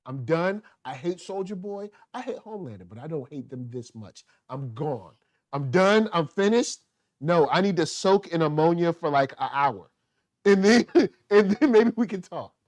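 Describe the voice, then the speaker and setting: A man hosting a casual TV review chat, animated and laughing, often acting out the characters' lines. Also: a little high, moderate pace, no room sound. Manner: animated, laughing, acts out quotes. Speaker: podcast host.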